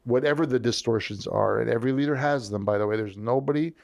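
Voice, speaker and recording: A man as an interview guest, talking in a lively storytelling way and acting out the voices he quotes. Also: mid-range voice, fast talker, gravelly. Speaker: leadership strategist guest. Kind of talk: conversational interview.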